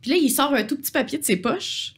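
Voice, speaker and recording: Woman, game master, chatty, hesitant fillers, slightly high voice. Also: lively intonation, fast, fairly bright tone. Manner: chatty, laughing, lots of filler sounds. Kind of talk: narrating a tabletop game.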